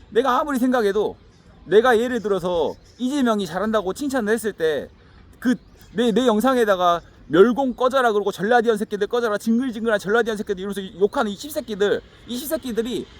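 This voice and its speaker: A man talking to his viewers in a blunt, profane monologue that keeps circling back and restarting phrases. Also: high voice. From Haenam, South Jeolla, Korea. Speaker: YouTuber. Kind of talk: casual monologue to camera.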